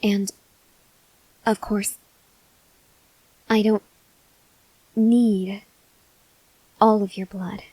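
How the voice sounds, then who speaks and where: In this ASMR roleplay monologue, a voice actress portrays a weary, earnest vampire researcher who is starving and gently pleads with the listener. Her medium-pitched, slightly rough voice keeps a level tone, moving slowly and softly with long pauses and frequent drops to a whisper, acting weak, faint with hunger, weary and desperate. The audio is poor, with no room sound.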